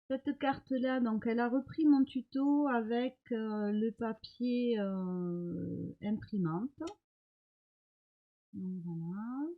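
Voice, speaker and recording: A middle-aged woman vlogger showing crafts she got in the mail, talking hesitantly with many pauses while recovering from an illness. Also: a little high, lo-fi sound. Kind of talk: casual show-and-tell of mail.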